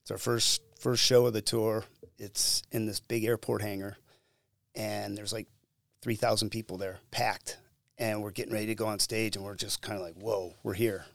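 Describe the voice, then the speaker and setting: A middle-aged man tells stories in a gravelly voice that sits low. The sound is dry and close. He is animated and acts out the lines he quotes. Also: normal speed, no echo. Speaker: musician guest. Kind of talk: casual storytelling interview.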